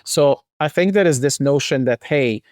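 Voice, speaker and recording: A man's voice: medium pitch, moderate pace, darkish tone, no echo. Egyptian-born man, reflective, dry close sound. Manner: reflective, thinks aloud with many "like" and restarts. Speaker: guest, global brand marketing executive. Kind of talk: conversational podcast interview.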